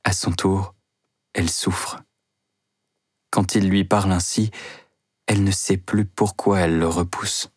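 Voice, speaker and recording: Slow, low-voiced male storyteller. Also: steady tone, no room sound, clean studio sound. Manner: slow, deliberate reading. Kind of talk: scripted narration of a simplified novel.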